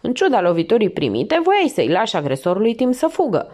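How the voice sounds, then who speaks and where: A woman reading the lines of a calm, detached middle-aged male police inspector in a quiet, measured voice. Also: medium pitch, slightly rough, pitched above the performer's own voice. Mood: stern.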